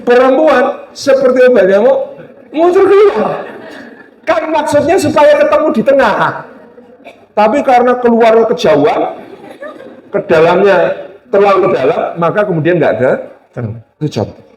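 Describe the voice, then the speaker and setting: A man's voice: very high voice, lively intonation, normal speed, long pauses, a little mellow. A male Islamic preacher giving a religious lecture, telling stories with humor and acted-out quotes. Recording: roomy hall, distant mic.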